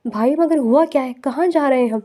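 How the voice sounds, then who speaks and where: A proud, hot-tempered businessman in a spoken storybook, read by a woman. The voice sits high with a dark, mellow tone. It is a plain reading. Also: close to an everyday voice. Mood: bewildered. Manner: bewildered, then furious and shouting.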